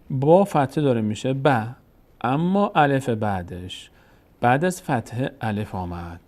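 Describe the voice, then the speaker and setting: A man with a Tajik accent teaching Quran reading, patiently repeating drawn-out syllables for the learners to copy. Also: mid-range voice, a little mellow. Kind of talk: recorded reading lesson.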